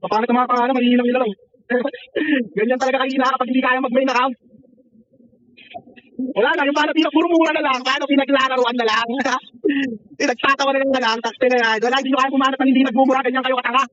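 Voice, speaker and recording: Lalaking napakataas ng boses na nanunukso. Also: male voice, very high voice, level tone, fast talker, fairly bright tone, dull audio, slight background noise. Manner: mocking and taunting, laughing often, swearing freely. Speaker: online gamer. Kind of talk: trash-talking game voice chat.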